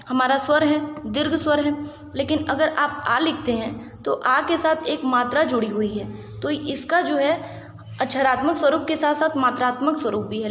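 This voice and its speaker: A high-pitched woman gives an online lesson, patient and methodical, often asking questions and answering them herself. The room is roomy and echoey with a long reverb tail, and a faint hiss sits under her voice. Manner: patient, repeats "ठीक है" and asks rhetorical questions. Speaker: Sanskrit teacher. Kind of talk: online lecture explaining grammar.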